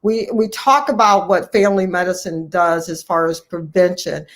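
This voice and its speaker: Speaking at a moderate pace with fairly even intonation and a lowish voice, a family physician from Cleveland, Ohio joins an interview as a guest. The middle-aged American woman relates stories from her own life in a chatty way.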